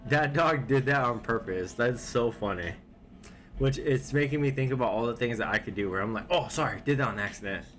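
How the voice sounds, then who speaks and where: A man's voice: medium pitch, moderate pace, a bit bright. A man at home giving casual, rambling reaction commentary on videos, loose and laid-back, with lots of filler words.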